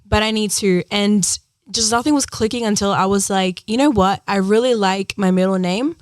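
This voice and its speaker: A young woman from Ecuador chats earnestly as an interview guest, her talk full of "like" and "um." Her voice sits at a middle pitch, and the recording is close and dry. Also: normal speed, no echo. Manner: chatty, earnest, many "like" and "um" fillers. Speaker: singer-songwriter guest. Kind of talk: casual interview chat.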